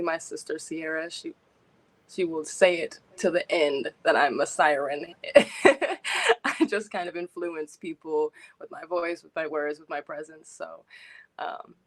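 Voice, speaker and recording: A young woman from Indiana talks about her music on a radio show, relaxed and chatty. Her voice sits low, with a gravelly fry at its edges. She laughs easily between thoughts. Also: no room sound. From Indiana, USA. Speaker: singer-songwriter guest. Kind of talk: casual radio interview.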